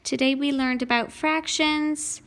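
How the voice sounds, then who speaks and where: A woman with a fairly high voice and a gravelly edge walks through grammar answers at home. She talks slowly and patiently, the way a teacher does while going over a worksheet. Her delivery stays steady and explanatory. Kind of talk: grammar lesson walkthrough.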